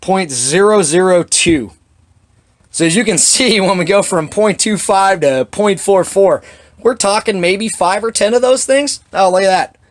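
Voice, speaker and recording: Guy showing off his reloading setup, plain talk, bit of a higher voice, dry sarcasm now and then. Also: unhurried. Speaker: shotgun reloading demonstrator. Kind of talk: hands-on equipment demonstration.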